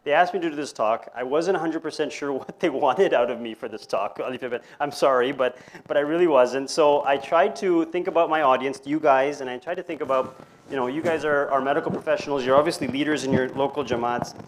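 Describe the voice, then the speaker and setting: A young male psychiatrist gives a conference presentation in a hotel ballroom, holding a handheld mic. His mid-range voice is brisk, and his delivery is conversational and self-deprecating, full of fillers and restarts.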